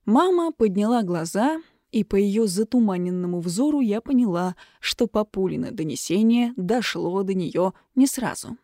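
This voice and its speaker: Woman reading a funny story, lively and expressive, dry close mic. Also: medium pitch, normal speed, no room sound. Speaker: narrator. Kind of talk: audiobook narration of comic fiction.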